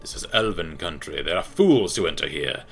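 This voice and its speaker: A man's voice: rumbling low, animated, normal speed, gravelly, a bit bright, exaggerated voice. A man doing a haughty elf champion. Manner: lofty, clipped, commanding.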